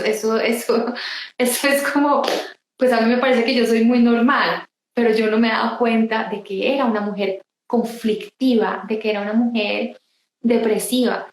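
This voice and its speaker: A woman giving an emotional personal testimony in an interview, halting and restarting often. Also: on the high side, reverberant, poor audio. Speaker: interview guest.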